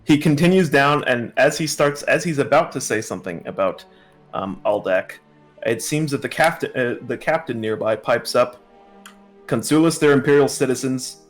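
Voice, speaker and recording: A man's voice: mid-range voice, animated, moderate pace, fairly bright tone, soft background music. Casual man narrating as dungeon master. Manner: casual, many fillers and restarts. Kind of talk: narrating a tabletop game.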